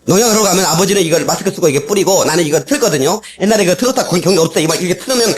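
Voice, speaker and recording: A man with a high-pitched, racing voice preaches over a noisy background in a church sanctuary, recorded on an old cassette. His sermon is built from personal testimony, told as animated stories with frequent laughter and the voices of quoted people acted out.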